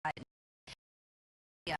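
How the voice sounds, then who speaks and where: A woman's voice: extremely slow, background noise. A woman anchoring live news coverage in a conversational style.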